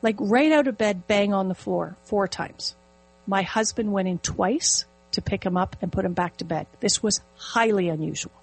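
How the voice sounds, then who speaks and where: A middle-aged woman telling a personal story in casual conversation, animated and vivid. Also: mid-range voice, moderate pace, low-quality recording. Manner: animated, storytelling with quoted inner speech. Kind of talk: casual chat.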